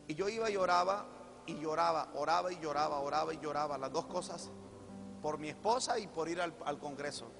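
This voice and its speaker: High-voiced Mexican preacher telling his story. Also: a little fast, vocal fry. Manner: storytelling, repeats phrases, addresses audience directly. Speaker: preacher giving testimony. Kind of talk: sermon testimony. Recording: echoey hall with music behind.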